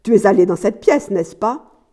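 A woman reading aloud puts on a cruel nobleman husband who growls and barks his questions. The voice stays mellow and warm underneath, loud and pressing in its threats, as in a storybook reading. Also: sits high, animated, moderate pace. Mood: furious. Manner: growling, barking demands.

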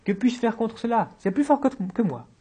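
A man voicing a suave, witty male intellectual with a soft, self-assured delivery in an audiobook reading. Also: very high voice, expressive, normal speed, slightly rough, pitched above the performer's own voice, heavily acted. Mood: wry.

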